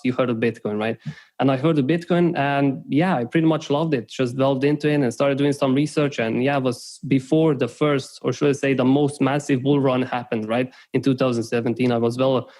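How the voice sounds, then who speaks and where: A man's voice: mid-range voice, steady tone, brisk, a little mellow. Rambling young man from Slovenia. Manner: rambling, many restarts and "right?" tags. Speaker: podcast guest. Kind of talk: casual interview talk.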